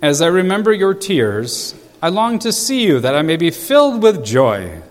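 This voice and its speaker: A man's voice: on the high side, very animated, normal speed. A male pastor preaching a sermon in a church, emphatic and repeating phrases for stress. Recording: long church reverb.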